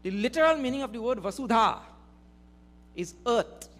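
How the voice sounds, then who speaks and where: A man giving a spiritual discourse at a mission gathering, slow and deliberate, stressing key words. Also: extremely high pitch, animated, a bit bright. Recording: reverberant hall with faint hum.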